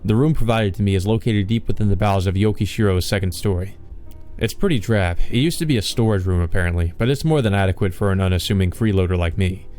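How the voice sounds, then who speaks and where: Man, lowish pitch, let's play narration, casual rambling asides, faint background music. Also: fast, darkish tone. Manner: informal, sweary, rambling asides. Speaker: let's play host reading aloud. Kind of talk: visual novel narration with casual commentary.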